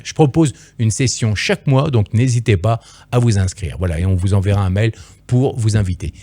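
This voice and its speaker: A man's voice: medium pitch, mellow, no room sound. A man coaching future voice-over artists in an emphatic, playful direct-to-camera lesson, on a close microphone.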